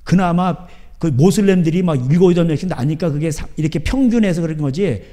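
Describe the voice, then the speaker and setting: A man's voice: fairly high pitch, fast, dark tone. A man preaching a sermon as pastor, in a rambling, chatty way, often asking his listeners "right?". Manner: keeps asking the crowd back "예?".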